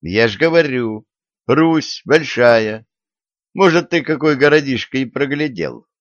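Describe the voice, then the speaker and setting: A man's voice: mid-range voice, animated, a little slow, dry recording, muffled recording, voice pushed up, lightly acted. A man voicing a weary, exasperated modern journalist who talks plainly, in an audiobook.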